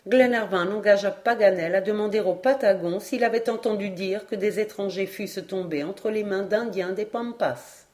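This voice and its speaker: A woman reads a classic adventure novel aloud in clear, measured narration. She keeps a steady storytelling voice with an even middle pitch. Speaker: audiobook reader.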